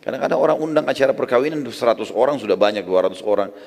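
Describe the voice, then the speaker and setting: Animated male preacher telling a story. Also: mid-range voice, racing, vocal fry. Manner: animated, explanatory, addresses listeners as friends. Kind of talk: religious storytelling lecture. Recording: long reverb.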